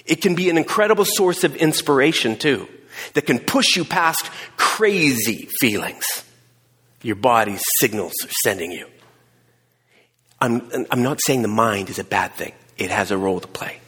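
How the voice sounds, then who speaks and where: Male pastor, lively sermon delivery, slightly husky, long hall echo. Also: normal speed. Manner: animated, acts out inner voices with pitch jumps.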